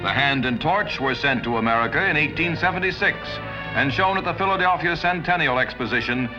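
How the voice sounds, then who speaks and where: 1950s newsreel narrator, man, lively emphatic pitch, dull lo-fi film sound. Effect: old newsreel soundtrack.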